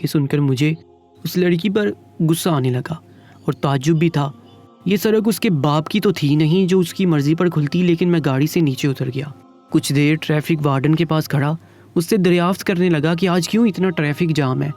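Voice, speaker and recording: A man narrating a first-person story with an earnest, steady manner and a Pakistani Urdu accent. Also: fairly high pitch, soft background music.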